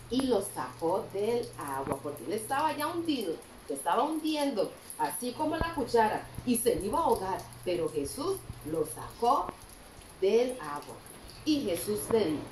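A woman teaching a Bible story to children in Sunday school, telling it with lively expression and asking the kids questions along the way. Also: mid-range voice. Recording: roomy echo, distant mic, faint background hum.

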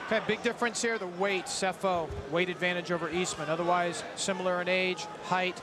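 A man giving brisk, analytical commentary on a kickboxing fight. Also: high voice, fairly even intonation. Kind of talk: play-by-play commentary. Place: arena broadcast booth. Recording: noisy arena with loud crowd.

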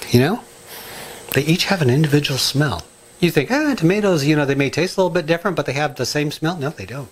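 A middle-aged man with a slightly high voice talks to the camera in his home kitchen. He rambles from one aside to the next, excitable and full of ums. The sound comes from a camera mic set a little way off. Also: fast talker, slight background noise. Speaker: home cooking and gardening vlogger. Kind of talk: casual chatty kitchen vlog.

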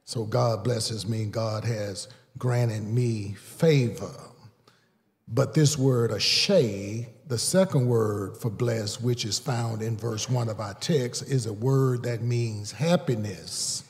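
A man, preaching a sermon as pastor and calling out to the congregation, often building louder and higher for emphasis. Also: slow. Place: large church sanctuary. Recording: long reverb of a large hall.

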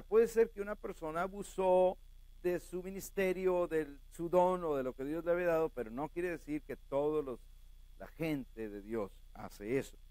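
A man preaching a sermon as pastor, talking straight to his congregation in an animated way. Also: high voice, no echo.

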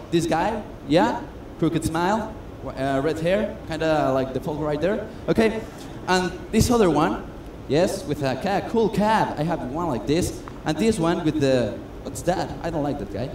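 Man, high voice, chatty self-mocking magician patter; echoey stage, noisy room. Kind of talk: comedic stage patter with audience. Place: cruise ship stage. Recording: echoey stage sound with noise.

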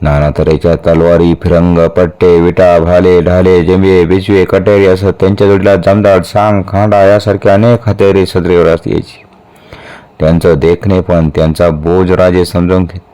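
Man, audiobook narrator, historical novel, measured delivery, deep mellow voice. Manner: measured, steady storytelling. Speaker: storyteller reading a novel aloud.

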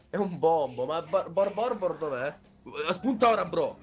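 A man's voice: on the high side, expressive, measured pace, a crowd in the background. Laid-back Italian man gaming. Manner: laid-back, short replies, calls his partner bro. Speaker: co-op gaming partner. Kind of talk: casual gameplay chat.

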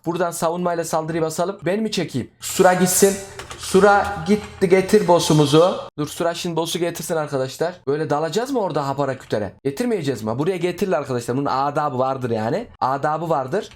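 A young man giving casual, excitable commentary over his own gameplay, chatting to his viewers like friends. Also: on the high side, fast talker, hardly any pauses. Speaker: gaming YouTuber.

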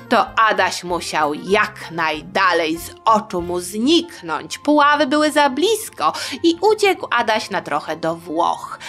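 A woman with a mid-range, slightly bright voice narrates history for young listeners. As storyteller and host, she keeps it chatty, colloquial and tongue-in-cheek.

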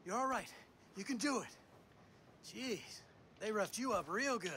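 A folksy survivor in a video game, soothing and plainspoken. His voice sits high and bright. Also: animated, unhurried, slight background noise, heavily acted. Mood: reassuring. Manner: reassuring, folksy. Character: gruff male survivor comforting a wounded man.

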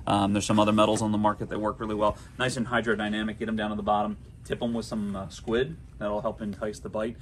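A man's voice: fairly low pitch, level tone, fast, hardly any pauses, a little hiss or hum. Young man rattling off fishing tips. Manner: easygoing, many ums, practical advice. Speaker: tackle shop employee. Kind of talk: casual shop fishing report. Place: inside a tackle shop, amid glass display cases.

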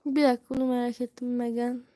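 A young woman streaming a mobile game, snapping at her teammates and muttering to herself between bursts of shouting. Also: fairly high pitch, little pitch movement, quick pace. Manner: yells at teammates, then drops to mutters and whispers. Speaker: gaming streamer. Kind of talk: live gameplay commentary.

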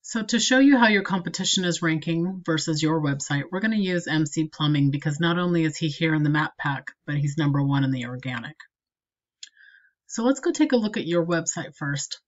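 A woman marketing consultant walking a client through an SEO review with a screen recording, in a steady and practical way. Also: low-pitched, a little fast, muffled recording.

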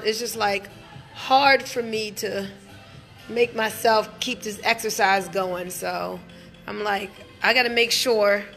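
A middle-aged woman, a livestream host promoting a wellness business, chats casually and enthusiastically to live viewers from an indoor gym. She holds her phone at arm's length, and her fairly high voice sounds pushed and bright.

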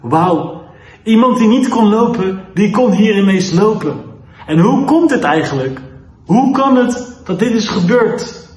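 Expressive man reading a kids' Bible story. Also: high-pitched, a little slow. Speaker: children's church leader. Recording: echoey room.

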